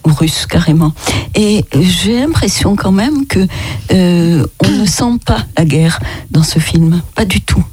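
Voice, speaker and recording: A radio host interviewing a guest, asking measured questions and summarizing the answers. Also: medium pitch, expressive, darkish tone, slightly rough, dry recording.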